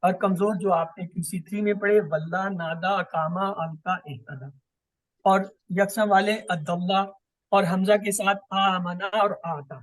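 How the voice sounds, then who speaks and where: High-voiced male teacher, dry sound. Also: fairly even intonation, no room sound. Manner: explains patiently, repeating word lists. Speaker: Quran grammar teacher. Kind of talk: online class lesson.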